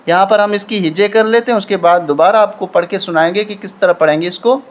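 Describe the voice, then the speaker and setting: A man teaching a recitation lesson, patiently spelling out letters and rules one at a time. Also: high-pitched. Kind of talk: step-by-step tajweed lesson.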